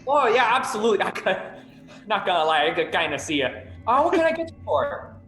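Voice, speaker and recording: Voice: mid-range voice, sing-song, fast talker, fairly bright tone, reverberant, soft background music, pitched above the performer's own voice. A game master voicing a chipper male host of a food-court temple, eager to please and rambling with fillers. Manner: chipper, eager-to-please counter-service patter.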